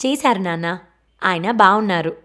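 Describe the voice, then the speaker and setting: A woman voicing a practical young mother who speaks briskly, in an audiobook. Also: medium pitch, lively intonation, bright, forceful tone.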